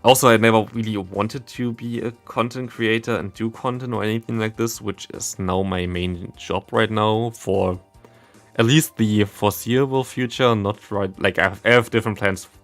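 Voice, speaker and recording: Background game music runs behind this German content creator as he livestreams. His voice is lowish, with fairly even intonation and normal speed, and his German-accented commentary rambles along in a casual, self-deprecating manner.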